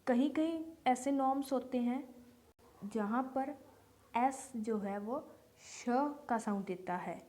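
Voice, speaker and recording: A woman's voice: on the high side, slow, dark tone. A woman teaching English letter sounds, speaking patiently and repeating each example word. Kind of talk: slow phonics lesson for beginners.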